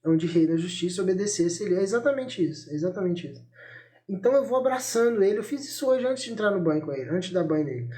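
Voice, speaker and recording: A man in his thirties hosting a parenting podcast, talking calmly and reflectively in a loose conversational way, with frequent fillers and restarts, recorded on a phone. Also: sits high, fast talker. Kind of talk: reflective solo podcast talk. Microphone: phone held up while talking.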